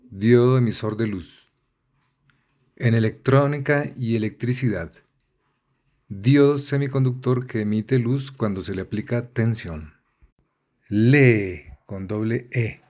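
Male reader, slow deliberate delivery, dictionary entries, spells words out. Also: mid-range voice, a little mellow. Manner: measured, spells out letters. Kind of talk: slow dictionary-entry reading.

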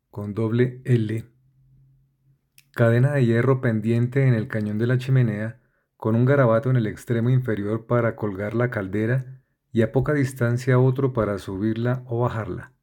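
Male reader, slow deliberate delivery, dictionary entries, spells words out. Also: mid-range voice, a little mellow. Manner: measured, spells out letters. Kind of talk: slow dictionary-entry reading.

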